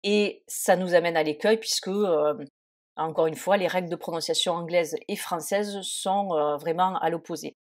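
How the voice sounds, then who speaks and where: A woman's voice: fairly low pitch, normal speed. A woman teaching an English lesson in French, often hesitating and spelling words out letter by letter. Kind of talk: spoken lesson.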